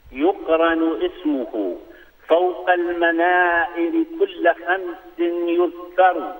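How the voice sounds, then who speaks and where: A man on a phone call, giving a formal greeting and then reciting a poem in a declamatory manner. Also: on the high side. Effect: heard over a phone line. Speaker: phone-in guest poet. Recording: tinny phone line.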